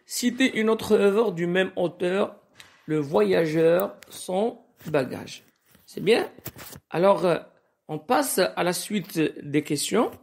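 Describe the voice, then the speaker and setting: A man with a Moroccan accent teaching a recorded French lesson, halting and hesitant with many fillers. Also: sits high, expressive, creaky.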